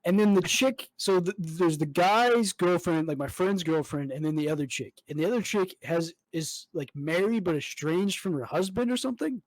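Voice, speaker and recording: A man's voice: sits high, moderate pace, hardly any pauses, dry recording, poor audio. A young man co-hosting a podcast at home, telling a long story in casual chat with lots of "like" and swearing. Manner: rambling storyteller, heavy swearing and fillers. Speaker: podcast co-host.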